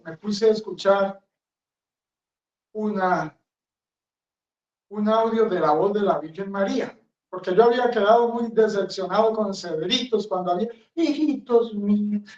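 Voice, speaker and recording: Rambling friar preaching in a roomy chapel. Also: male voice, high voice. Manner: rambling, conversational, blunt. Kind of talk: sermon. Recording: roomy, distant, dull sound.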